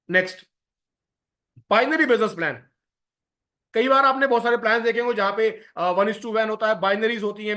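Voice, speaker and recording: Man, business seminar presenter, very high-pitched, bright voice, explanatory, filler pauses. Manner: explanatory, lists terms, frequent filler pauses, mixes English phrases.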